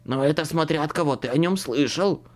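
Man voicing a gruff blunt man, hissing mutter, curt, audiobook. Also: a little high, a little fast, lightly acted.

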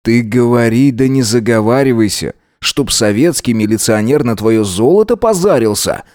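A man's voice: medium pitch, very animated, unhurried, a little mellow, dry recording. A man reading an audiobook voices a stern Soviet police lieutenant who talks curtly and dryly. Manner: curt and dry.

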